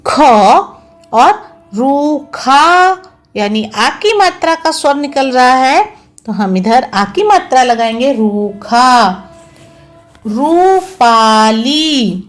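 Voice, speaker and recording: A woman teacher giving an online lesson to young schoolchildren, spelling out each sound slowly and repeating words patiently. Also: sits high, big pitch swings, soft background music. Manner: slow, careful, spelling out each sound and syllable.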